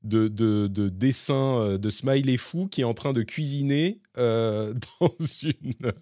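A male podcast host talks through new tools in a relaxed, chatty way. His voice sits at an ordinary pitch. The sound is dry and close, with little room around it. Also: takes it slowly, no echo. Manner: explaining and demonstrating tools live, chatty. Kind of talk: casual tech chat.

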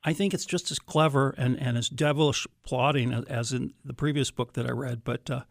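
Guy hosting a radio interview, creaky voice, kinda halting and thoughtful, very dry sound. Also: mid-range voice, fairly even intonation, dry recording. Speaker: radio show host.

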